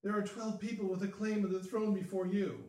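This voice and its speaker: Indignant baroness, a man doing her voice, pitched high and loud, roomy distant sound. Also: flat delivery, brisk, close to an everyday voice. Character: shocked indignant noblewoman, a baroness.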